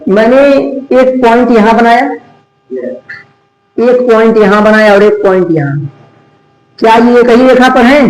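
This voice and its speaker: High-voiced man teaching math, echoey room. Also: darkish tone. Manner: asks questions then answers them, drawn-out key words. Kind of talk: classroom math lesson.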